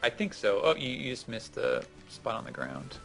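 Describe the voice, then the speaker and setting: A man co-hosting a casual gaming chat gives tips hesitantly, circling back over his own phrases. His mid-range voice is sing-song at normal speed, a bit bright with vocal fry, and faint music plays behind him.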